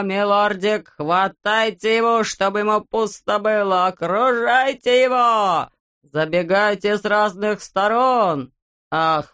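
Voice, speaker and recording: A woman's voice: on the low side, smooth. A woman voicing a bald, bossy, greedy male landowner who screeches, drags out his words and hurls insults, as a character in an audiobook. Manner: screeching, drawn-out yelling, name-calling.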